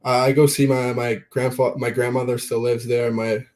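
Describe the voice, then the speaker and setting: A young man born in Belgium answering interview questions in a relaxed, plain-spoken way with fillers. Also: medium pitch, moderate pace. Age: young adult. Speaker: junior hockey player guest.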